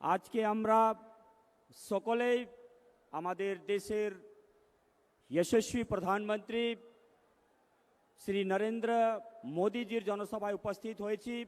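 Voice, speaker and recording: A man giving a declamatory political rally speech from a stage microphone, his words ringing with a long echo from the loudspeakers. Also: steady tone, a little slow, pauses often. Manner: declamatory, rising to loud emphatic declarations. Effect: long booming echo from the rally loudspeakers. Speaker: political candidate addressing a rally. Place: large public rally stage. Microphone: stage microphone through loudspeakers. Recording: long echoing reverb from public-address loudspeakers.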